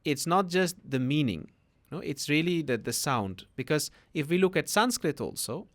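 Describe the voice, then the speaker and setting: A man's voice: on the high side, lively intonation, moderate pace. This is a man from the Netherlands with a slightly raised voice. He explains things in a patient, teacherly way, as a podcast guest. He often ends his points with a questioning "no?".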